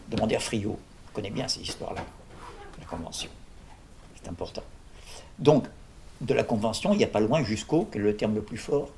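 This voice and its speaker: Animated man giving a philosophy lecture. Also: medium pitch, slight background noise. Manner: digressive, jokes and asks the audience questions. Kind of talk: informal philosophy workshop lecture.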